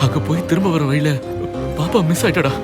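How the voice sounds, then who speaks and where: A man's voice: on the high side, quick pace, close to an everyday voice. An actor dubbing a desperate young father and husband, pleading and urgent, with film music under him. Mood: frantic. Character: frantic young father searching for lost daughter. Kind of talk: dubbed film acting. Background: loud film score.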